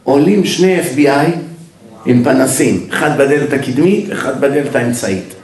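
A man, a rabbi, giving a Torah lecture as a lively story and acting out each person's lines as he goes. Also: medium pitch, echoey room. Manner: animated storyteller who acts out the dialogue. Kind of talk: storytelling sermon.

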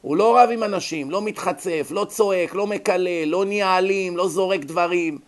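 Man, rabbi's lecture, animated delivery with acted-out scenes. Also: high-pitched. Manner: animated, acts out little scenes in other voices. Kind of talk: Torah lecture. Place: abroad, in America.

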